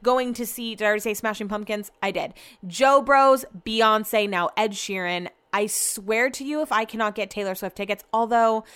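A woman's voice: mid-range voice, normal speed, hardly any pauses, a bit bright, clear, resonant tone. A woman hosts a casual solo podcast in a bubbly sorority-girl way. She has a mid-range voice, gushes with emphatic repeats, and wanders off on tangents in girly, "like"-filled slang. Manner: rambling, sidetracked valley-girl-like talk heavy on "like". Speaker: podcast host.

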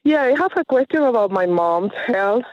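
A woman calling in to a radio show over a phone line, speaking in a hesitant, halting way with many fillers. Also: on the high side, animated, dry recording. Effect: caller heard over a phone line. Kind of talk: phone-in conversation. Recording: dull phone-line sound.

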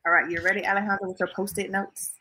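A chatty woman in her late thirties hosts a casual podcast. Her voice is bright and forward, and she ribs her co-host while she fills the gaps with "uh" and "like.". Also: mid-range voice, flat delivery, fast talker, soft background music. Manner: chatty, ribbing, with filler words. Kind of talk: casual chat.

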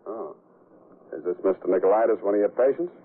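A man's voice: on the low side, lively intonation, fairly quick, narrow, tinny audio. An actor playing a wisecracking, hard-boiled male private eye in a 1940s radio drama, with dry, sardonic delivery and old radio broadcast sound.

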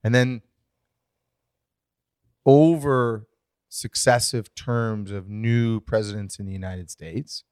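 A man co-hosting a casual podcast chat, explaining current events in an animated, swinging way. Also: fairly low pitch, slow, pauses often, smooth, no echo, studio quality. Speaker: podcast co-host.

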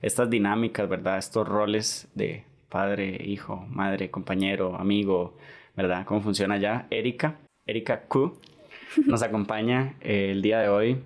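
Man, podcast host, lowish pitch, chatty, repeats tag questions. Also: steady tone, moderate pace. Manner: chatty, repeats himself, lots of "¿verdad?". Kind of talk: casual podcast chat.

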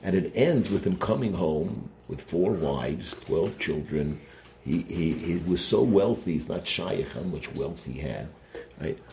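Male religious teacher, deep voice, conversational and halting delivery, some background noise. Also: lively intonation, creaky, a little mellow. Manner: conversational, halting, repeats phrases, rhetorical check-ins. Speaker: rabbi giving a Torah lesson. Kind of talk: informal sermon, Torah lecture.

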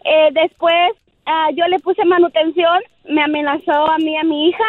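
Una mujer que llama a un programa de radio y cuenta su historia pausadamente con muletillas. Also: female voice, very high-pitched, level tone, no echo. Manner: halting, with fillers. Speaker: radio caller. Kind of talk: casual call-in storytelling. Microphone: phone. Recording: tinny phone line.

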